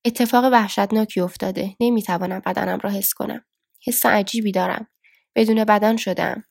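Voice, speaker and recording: A woman voicing a frightened female patient who speaks slowly, faintly and flatly. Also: mid-range voice, creaky, slightly rough. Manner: slow, faint and flat.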